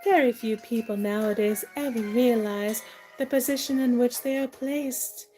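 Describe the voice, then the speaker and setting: A woman's voice: a little high, moderate pace, warm tone, soft background music, lightly acted, low-quality recording. A woman playing a self-assured, whimsical young lady in a comic stage play, prim, chiding and matter-of-fact.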